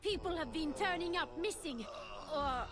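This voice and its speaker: A woman's voice: extremely high pitch, expressive, normal speed. A woman voicing a desperate protester in a video game, speaking urgently. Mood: bitter. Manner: urgent, demanding. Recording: game audio with music.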